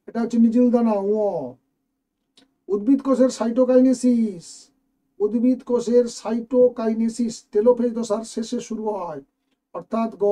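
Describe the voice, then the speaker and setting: High-voiced man teaching students. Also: dark tone. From West Bengal, India. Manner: explains step by step, addressing students directly. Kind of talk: exam question walkthrough lesson.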